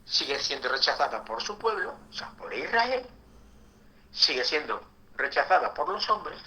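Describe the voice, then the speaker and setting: Emphatic preaching pastor, bright lively voice. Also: male voice, on the high side, measured pace, low-quality recording. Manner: emphatic preaching, swings from loud to hushed. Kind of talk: Bible school sermon.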